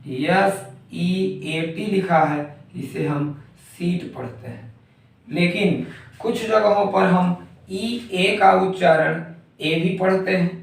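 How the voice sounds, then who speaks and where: A man's voice: high voice, slow, gravelly. A man teaching English pronunciation in a methodical way, spelling out letters one by one before saying each word. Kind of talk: explanatory lesson. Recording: very echoey room, far from the mic.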